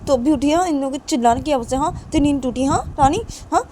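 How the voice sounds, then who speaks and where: A raised, jittery voice that rambles on and admits to being scared, as a woman storyteller puts on the friend. The tone is soft and mellow. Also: sits high, fast, slight background noise, voice pushed up, natural voice. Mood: nervous. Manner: anxious, rambling, teasing. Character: nervous, timid friend named Ravi.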